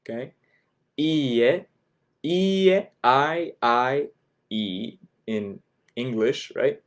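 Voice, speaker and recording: Male teacher for a beginner class. Slow and patient, repeats a lot, checks in after each phrase. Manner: models phrases with a raised, lilting pitch. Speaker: Japanese language teacher. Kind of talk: online language class.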